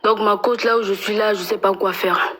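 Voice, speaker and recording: A woman's voice: medium pitch, steady tone, fairly quick, a bit bright. A woman from Congo calling in to a live advice stream, hesitantly recounting a relationship problem. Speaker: caller asking for advice. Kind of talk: phone-in conversation.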